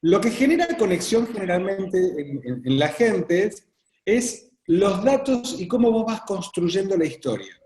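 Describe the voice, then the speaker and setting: A man's voice: high-pitched, expressive, unhurried, darkish tone, slight background noise. A man with a Rioplatense Spanish accent facilitating an interactive online workshop in an effusive, appreciative way. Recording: roomy echo on online call.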